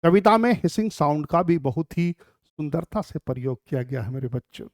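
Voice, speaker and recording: A man's voice: on the high side, expressive, fairly quick, a little mellow, dry recording, studio quality. A middle-aged male teacher with an Indian English accent, explaining a poem to students and patiently sounding out English words. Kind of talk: classroom poetry lesson.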